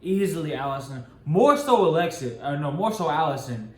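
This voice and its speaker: A man's voice: on the high side, animated, normal speed. Slangy young American man in echoey room. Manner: informal, slangy. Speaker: co-host of a couple's Q&A. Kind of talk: casual chat. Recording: roomy echo, faint background noise.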